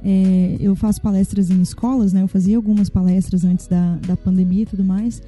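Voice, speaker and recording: A woman's voice: mid-range voice, fairly even intonation, brisk, mellow, soft background music. A woman, guest on a casual podcast, giving earnest advice to parents.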